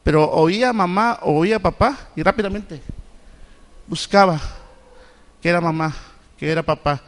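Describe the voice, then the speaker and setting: A middle-aged Mexican man, a Sunday school preacher, delivers a sermon in a church sanctuary, his voice much higher than most men's. He repeatedly questions the congregation, haltingly breaking off and restarting sentences, while a long church reverb lingers on every word.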